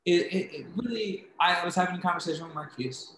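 Casual, playful and rambling, this podcast co-host from the Philadelphia area has a high, slightly bright voice and a brisk pace. The recording has a roomy echo and faint hiss in the background.

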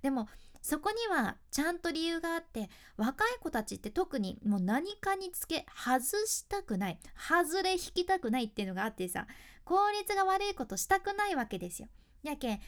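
A young woman with a Hakata accent talks through speaking tips on her podcast. Her voice sits high and swoops lively up and down. She chats with listeners like a friendly coach, sometimes slowing right down to demonstrate each vowel. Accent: Hakata dialect of Fukuoka. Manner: chatty, teacherly, demonstrates vowel sounds slowly. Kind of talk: casual spoken podcast lesson.

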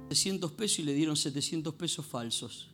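A pastor preaches with a high, lively voice, telling stories and firing questions at his congregation. Quiet guitar music plays faintly behind him in the church. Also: brisk. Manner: animated storytelling, questions to the congregation. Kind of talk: sermon. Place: church sanctuary.

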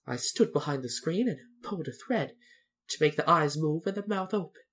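A man's voice: fairly high pitch, lively intonation, normal speed, fairly bright tone, pitched above the performer's own voice. A man voicing a little old humbug wizard, meek, fussy and apologetic, with a trembling voice. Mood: confiding.

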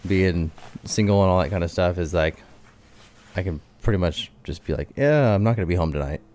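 A man's voice: low-pitched, fairly quick, darkish tone, a little hiss or hum. A man in his thirties talking casually and candidly, rambling with lots of fillers. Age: 30s. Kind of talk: casual chat.

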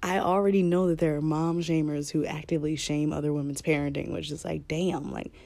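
A woman hosting a podcast in casual, rambling, candid talk, with a deep chesty voice that is a bit scratchy from a cold. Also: steady tone, a little fast, vocal fry, a little mellow, no echo. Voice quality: slightly scratchy. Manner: candid, informal, swearing freely. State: fighting a cold. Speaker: podcast host.

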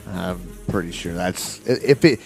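A man with a low, gravelly voice and lively pitch co-hosts a sports podcast, making self-deprecating jokes. Faint music plays behind him. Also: normal speed. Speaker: podcast co-host. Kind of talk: casual sports chat.

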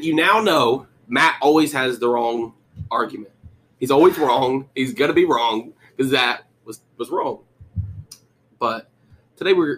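A man's voice: mid-range voice, a bit bright. A young man co-hosting a casual movie podcast, joking and rambling with frequent restarts. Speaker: podcast co-host.

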